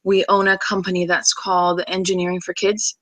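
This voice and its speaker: A woman's voice: lowish voice, completely flat delivery, fairly quick, a bit bright, dry recording. A woman in her thirties, originally from Brazil, chatting casually as she introduces herself to a class, with many ums and restarts. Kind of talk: casual self-introduction video.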